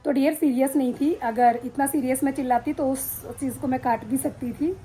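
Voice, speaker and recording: A woman's voice: sits high, steady tone, moderate pace, dark tone, a little hiss or hum, low-quality recording. A middle-aged woman vlogging casually into a handheld phone at home, frank and rambling with many fillers. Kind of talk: casual talk to camera. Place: drawing room at home. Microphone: phone held in hand.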